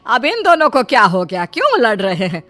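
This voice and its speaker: Woman voicing a shrill nagging mother-in-law. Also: wildly swooping pitch, a little fast, pushed and bright, soft background music, heavily acted. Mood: scolding. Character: scolding nosy middle-aged mother-in-law. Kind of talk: Hindi cartoon voice acting.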